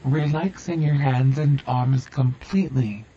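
A man guiding a listener through a hypnosis induction with slow, soothing, repetitive suggestions. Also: medium pitch, warm tone, muffled recording, a little hiss or hum.

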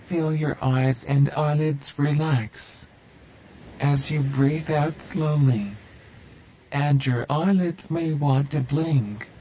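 A man guiding a listener through a hypnosis induction with slow, soothing, repetitive suggestions. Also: on the high side, warm tone, muffled recording.

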